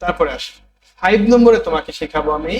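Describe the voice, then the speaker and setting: A man with a high-pitched voice moves at a quick pace through a computer class lesson, heard on a low-quality recording. He drills his students repetitively, saying terms and having them repeat each one back.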